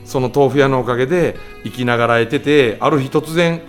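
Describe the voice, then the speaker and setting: A man's voice: mid-range voice, a little fast, faint music behind. A man with a Kansai accent telling anecdotes in casual chat, sometimes slipping into mimicked voices. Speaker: guest telling stories.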